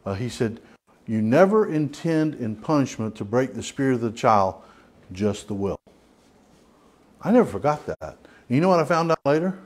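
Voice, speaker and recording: In a church hall, an informal Bible study is led by a very animated man with a Southern US accent and a middle-pitched voice. He speaks at normal speed but pauses often, rambling in a folksy way and circling back with restarts and fillers.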